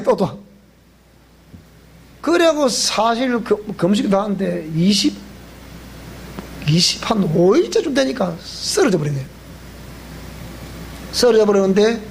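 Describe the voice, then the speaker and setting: A man's voice: high voice, very animated, normal speed, creaky, pauses often, slight background noise. A male pastor with a Gyeongsang Korean accent, telling stories in a sermon at church, acting out dialogue and laughing often. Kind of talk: storytelling sermon. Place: church sanctuary.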